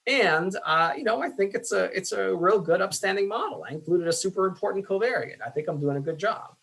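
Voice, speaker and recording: A man teaching statistics in a casual, self-deprecating way, with many fillers, his voice going hoarse. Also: high-pitched, lively intonation, a little fast, a bit bright, poor audio. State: losing his voice. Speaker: statistics instructor. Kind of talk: screen-share lecture.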